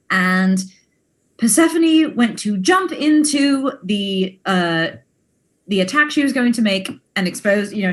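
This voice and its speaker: Woman, co-host, middle-range voice, animated storyteller who laughs as she goes. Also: medium pitch. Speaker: podcast co-host, stage actor. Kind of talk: casual storytelling chat.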